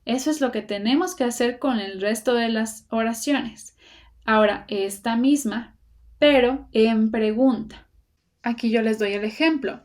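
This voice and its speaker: Patient and methodical, a woman explains English grammar in Spanish one step at a time, saying each example sentence slowly and carefully. Her voice is a little high with a darkish tone.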